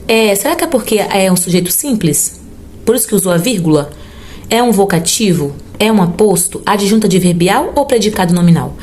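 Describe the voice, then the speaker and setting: A woman's voice: mid-range voice, expressive, a little fast, a little mellow, a little hiss or hum. A woman with a Brazilian Portuguese accent teaches an exam-prep grammar lesson. She explains each step in a casual, encouraging way and keeps checking in with her listeners.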